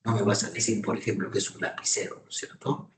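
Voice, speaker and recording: A man's voice: on the low side, level tone, quick pace, recorded from a distance. Man lecturing in an echoey classroom. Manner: asks frequent checking questions to students. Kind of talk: university lecture on psychopathology. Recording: echoey room, voice off-mic.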